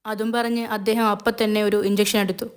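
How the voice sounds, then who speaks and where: A woman narrator retelling a television serial episode in a steady, even way. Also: mid-range voice, fast, clean tone. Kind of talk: storytelling recap of a television serial.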